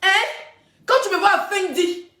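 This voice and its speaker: A woman, hosting a casual live stream and telling gossip straight to her viewers in a chatty, animated way. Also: very high voice, normal speed, reverberant. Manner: chatty, animated storytelling, addressing viewers directly.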